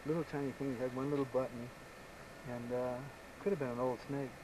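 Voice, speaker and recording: A man's voice: medium pitch, fairly even intonation, background noise. A man casually telling stories while showing a visitor around an outdoor property, recorded on an old VHS home video tape. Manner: easygoing, chatty, quick talker. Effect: old VHS home video tape sound. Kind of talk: casual rambling storytelling. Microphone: camcorder microphone.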